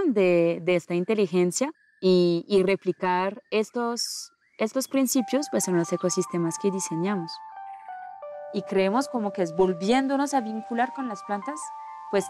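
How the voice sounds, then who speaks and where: A woman from France talks earnestly about her work, mid-pitched and hesitant, with frequent fillers. She is recorded outdoors in the countryside on a lapel mic. Music plays clearly underneath. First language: French. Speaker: landscaper and environmental activist. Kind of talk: documentary interview.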